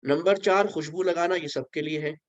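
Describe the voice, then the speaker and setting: A man's voice: on the high side, steady tone, moderate pace, no echo, dull audio. A man giving an online pilgrimage training lesson, explaining step by step and slipping English phrases into his talk. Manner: explains patiently, asks listeners to repeat, mixes in English phrases. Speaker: religious instructor. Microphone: video call.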